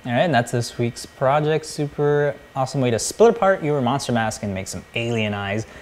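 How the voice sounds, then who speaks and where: Low-key man co-hosting a maker show. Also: expressive, brisk, a little hiss or hum. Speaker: co-host. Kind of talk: casual live show chat.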